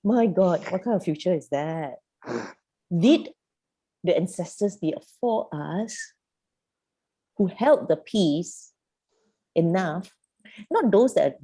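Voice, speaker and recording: Running a youth program on a video call, this facilitator coaches the group in an animated, emphatic way, stacking up rhetorical questions. She has a mellow, low-pitched voice.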